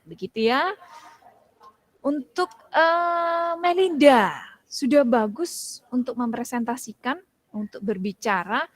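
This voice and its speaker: A woman's voice: on the high side, dry recording. A woman teacher giving students spoken feedback in an online class, often ending phrases with tag questions. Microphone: video call.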